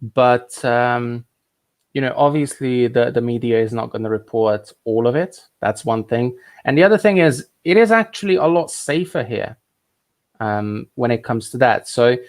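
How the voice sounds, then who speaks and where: A man's voice: medium pitch, lively intonation, normal speed. A man born in Hungary and raised in England, hosting a casual live stream and chatting in a rambling way with lots of restarts and asides. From Hungary, raised in England from thirteen. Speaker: livestream host answering viewer questions.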